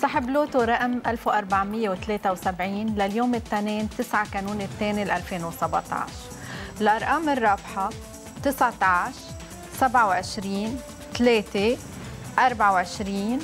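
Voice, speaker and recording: A woman's voice: mid-range voice, brisk, soft background music. A middle-aged woman with a Lebanese accent formally announcing lottery draw numbers in a TV studio.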